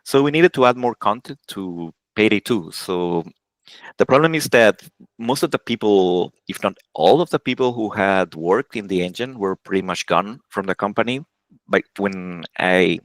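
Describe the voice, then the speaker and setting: A man from Honduras in his forties, a game programmer answering interview questions in a casual, halting way with many restarts and self-corrections. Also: on the low side, expressive, dry recording, rough recording.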